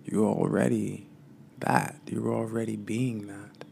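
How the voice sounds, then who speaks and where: A man with a low, gravelly voice talks through a spiritual reflection in a loose, rambling way, leaning on fillers. A faint hiss sits under the recording. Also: little pitch movement, takes it slowly, darkish tone. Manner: casual, meandering, with many fillers.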